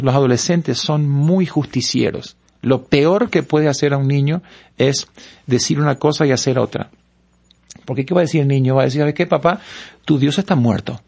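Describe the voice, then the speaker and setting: A pastor from Paraguay telling stories and preaching earnestly, repeating words for emphasis. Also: male voice, medium pitch, darkish tone. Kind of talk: preaching-style storytelling in a panel talk.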